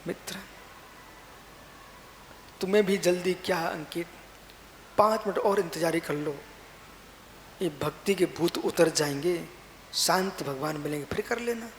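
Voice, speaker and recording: A middle-aged man, a Jain monk, preaching a sermon in an exhorting, repetitive way and often pushing up to emphatic high stress. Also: unhurried, long pauses. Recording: echoey hall with faint hiss.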